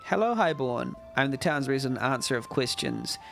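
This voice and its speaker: A man reading aloud the lines of a helpful town guide in a game, brisk and explanatory. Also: medium pitch, huge pitch swings, creaky, fairly bright tone, soft background music, full character voice.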